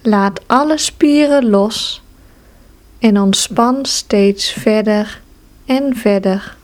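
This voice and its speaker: A woman calmly leading a guided progressive muscle relaxation exercise, speaking soft, soothing instructions with long pauses. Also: medium pitch.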